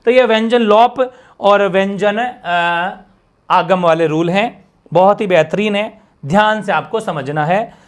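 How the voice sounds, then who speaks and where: A high-voiced man, teaching a live exam-prep class in a conversational way. He keeps checking that his students follow along and warmly answers viewers in the chat. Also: takes it slowly. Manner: explains with constant check-ins to students. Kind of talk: exam-prep language lesson.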